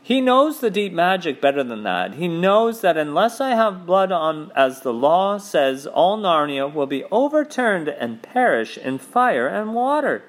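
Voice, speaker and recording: A man voicing a cold, cruel witch queen with a shrill, imperious manner. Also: sing-song, a little slow, hardly any pauses.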